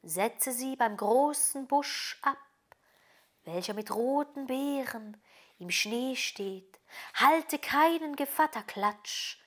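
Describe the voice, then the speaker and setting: A woman's voice: sits high, lively intonation, slow pace, fairly bright tone, voice pushed up, heavily acted. A woman reading a grave old wise-woman. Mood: solemn. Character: wise old Finnish wise-woman, calm and solemn.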